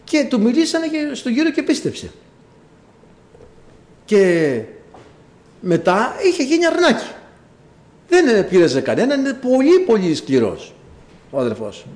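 Animated preacher with a high lively voice. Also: male voice, long pauses. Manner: storytelling, swings between low asides and high cries. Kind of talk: sermon.

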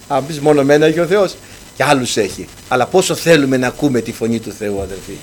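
Guy preaching a sermon, kinda high voice, keeps saying brothers, goes loud then real quiet. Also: a little hiss or hum. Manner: fervent, swings between loud proclamation and hushed speech; addresses listeners often as brothers, reads scripture aloud.

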